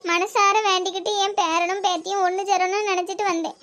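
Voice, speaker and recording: A woman voicing a doting, fretful old village grandmother in a cartoon, with a Tirunelveli Tamil accent and a high, pinched voice. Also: level tone, fairly quick, fairly bright tone. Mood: pleased. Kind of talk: cartoon voice acting.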